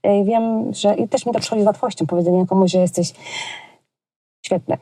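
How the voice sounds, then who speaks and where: A woman's voice: medium pitch, fairly even intonation, brisk, mellow. A woman from Poland, a children's entertainer, talking casually in an interview with lots of hesitations and colloquial asides. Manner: chatty and colloquial, frequent hesitations.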